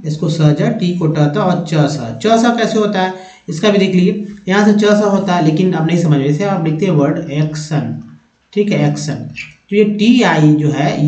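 Guy teaching english sounds, fairly high voice, repeats words over and over, echoey muffled room. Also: darkish tone. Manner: explains step by step, repeats words and addresses viewers as friends. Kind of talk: explaining English pronunciation. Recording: echoey, dull lo-fi room recording.

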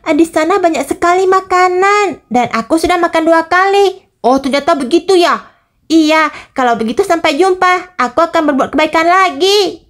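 A woman voicing a kind, polite little girl who talks gently in a story told over a game. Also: very high-pitched, normal speed. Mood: cheerful.

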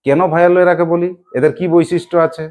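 A woman's voice: on the low side, fairly even intonation, quick pace, noisy background. A woman teacher with a Purulia Bengali accent gives a classroom lesson, prompting her pupils to answer aloud in call-and-response.

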